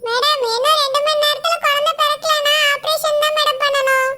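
A woman's voice: very high-pitched, flat delivery, normal speed, pushed and bright, faint music behind. A woman voicing a formal cartoon hospital doctor who gives brief updates. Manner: formal, curt.

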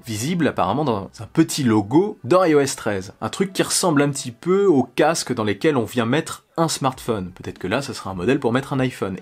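A man's voice: medium pitch, breathy edge. A man in his thirties talking to camera in a casual tech vlog, chatty and speculative. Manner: chatty, speculative, lively gestures. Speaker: tech YouTuber. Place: small indoor room with posters and shelves.

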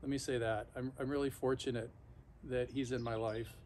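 Halting middle-aged man talking casually outdoors. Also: medium pitch, level tone, darkish tone. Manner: halting, reflective, with pauses mid-sentence. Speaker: vlogger. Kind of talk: casual unscripted monologue to camera. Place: backyard patio outdoors, sitting in an ice bath. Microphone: camera or phone a few feet away. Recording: outdoor noise, camera some feet away. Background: clear outdoor ambient noise.

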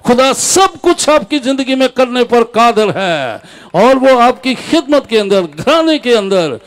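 An older man preaching a sermon from a church pulpit, slow and emphatic, repeating key phrases into a handheld mic. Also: very high voice, lively intonation. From Pakistan. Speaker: pastor. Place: large church stage with a crowd.

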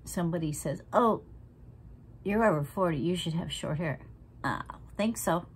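A woman in her 60s chats through her makeup routine in a lowish, slightly rough voice at a moderate pace. The casual tutorial is frank and feisty, occasionally dropping to a half-whisper, filmed in her living room with the camera close in front.

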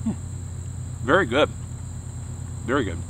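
A man's voice: medium pitch, sing-song, a little slow, fairly bright tone, a little hiss or hum, poor audio. A man hosting a gardening vlog outdoors, talking with his mouth full in a chatty, enthusiastic way. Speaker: gardening channel host. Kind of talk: casual vlog.

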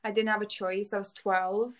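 A chatty woman in her twenties, originally from Lithuania, whose English carries a semi-Scouse twang. She keeps her pitch level and even, peppering her answers with "like" and laughing easily as a casual interview guest. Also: moderate pace. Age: 20s. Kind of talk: casual chat.

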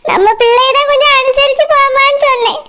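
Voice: very high voice, fairly even intonation, fairly quick. A voice actor playing a tearful, worried middle-aged village mother with a Tirunelveli Tamil accent in a cartoon. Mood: pleading. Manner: weepy, pleading. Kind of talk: cartoon dialogue. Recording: loud background noise.

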